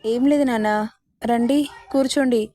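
A woman's voice: on the high side, fairly even intonation, unhurried, mellow, no echo, clean studio sound, close to an everyday voice. A woman voicing a shy, anxious young bride who speaks hesitantly in a told story. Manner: hesitant, subdued. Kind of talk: storybook narration.

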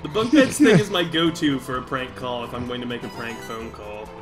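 A man's voice: medium pitch, brisk. A tipsy man hosting a let's play, rambling and giggling as he chats casually over the gameplay. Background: game music.

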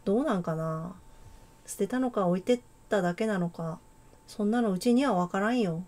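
A laid-back, boyish girl from a game, teasing and unhurried in a put-on Kansai-style dialect, as a woman reads her lines aloud. The voice is mellow and soft-edged, at a middle pitch. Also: natural voice. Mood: easygoing. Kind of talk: game dialogue read aloud.

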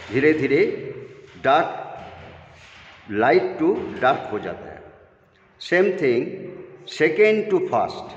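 Male art teacher, unhurried step-by-step explainer, long reverb and faint background hum. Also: a little high. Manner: slow, step-by-step explaining, mixing Hindi and English. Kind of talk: online class lesson. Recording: dull, echoey room from far off, faint ambience.

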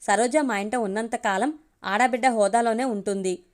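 A woman reading the lines of a dignified older mother who speaks firmly and gravely. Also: on the high side, natural voice. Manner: firm, measured, grave.

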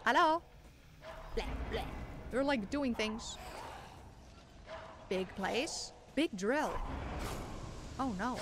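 A woman's voice: on the high side, expressive, drawn-out words, pauses often. A woman giving casual, chatty commentary while playing a video game, swearing and laughing at herself. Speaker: gaming streamer. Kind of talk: casual let's-play commentary. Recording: loud game noise behind voice. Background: game ambience.

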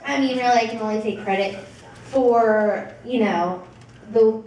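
High-voiced and young, an American maid of honor delivers an informal wedding toast, partly from notes, animated and joking but halting with pauses. She uses a handheld PA microphone in an indoor reception room, filmed from across the table; the audio is echoey and distant amid a very noisy, laughing crowd.

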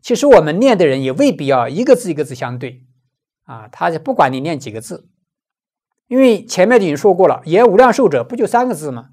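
Brief: low-voiced woman teacher, animated lilt, walks listeners through a Buddhist text with rhetorical questions. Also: brisk. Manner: explanatory, asks and answers own rhetorical questions. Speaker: Buddhist lecturer. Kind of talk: scripture commentary lecture.

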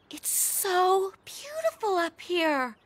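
A woman voicing an earnest, excitable teenage girl in a cartoon. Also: very high-pitched, drawn-out words, no room sound, full character voice.

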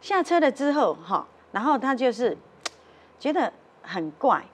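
A woman with a Taiwanese accent tells a story on a talk show, her voice husky and a touch high. Her pitch rises and falls a lot as she acts out the voices of the people in the tale. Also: sing-song, measured pace. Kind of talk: animated storytelling. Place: television studio.

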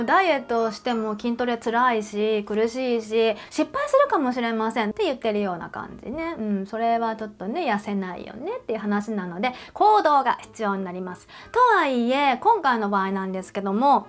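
A woman counselor giving advice straight to the camera, emphatic and direct, asking the viewer questions. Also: on the high side. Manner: uses everyday examples and questions.

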